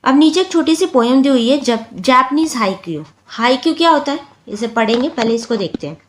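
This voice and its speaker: A woman teacher with a fairly high voice explains a poetry lesson. She reads each English line slowly, then explains it patiently in Hindi. Her delivery is calm and steady. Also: slight background noise. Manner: patient, counts syllables out loud.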